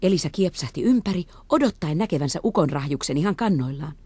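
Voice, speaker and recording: A woman reading an audiobook story aloud with lively, expressive intonation. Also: low voice, breathy edge, no room sound. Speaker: audiobook reader. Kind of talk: scripted narration.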